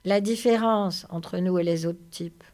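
A woman's voice: fairly low pitch, unhurried, darkish tone, close to an everyday voice. A woman reading aloud and voicing a big, simple-minded, childlike man who talks in an eager, pleading way.

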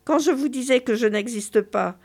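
A woman reading a weary, deadpan God. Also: fairly high pitch, normal speed. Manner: dry, understated literary reading. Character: weary deadpan male God who feels he doesn't exist.

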